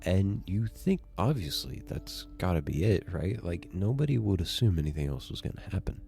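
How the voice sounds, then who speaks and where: A man narrating a casual video essay, excitable and swearing freely as he gushes. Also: deep voice, normal speed, vocal fry, faint music behind. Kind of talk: casual enthusiastic commentary.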